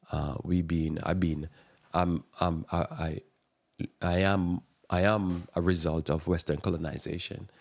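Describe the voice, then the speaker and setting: A man with a very low voice and a thick accent preaches on a radio talk program. He wanders from point to point, stumbles and repeats words, and lets out small chuckles at his own remarks. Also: a little mellow. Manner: rambling, repeats and restarts words. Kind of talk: sermon-style radio talk.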